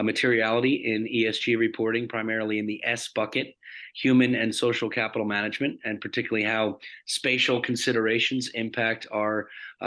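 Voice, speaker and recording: A man from New Jersey, a company founder and CEO, introducing himself on a video call panel in a businesslike way with many filler pauses. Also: on the low side, a bit bright. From New Jersey, United States.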